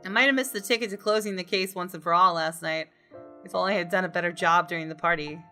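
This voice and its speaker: A woman hosts a let's play, reading the game's story narration aloud and commenting to viewers in a lowish, pushed, bright voice. She talks fast with fairly even intonation, and faint game music plays behind her.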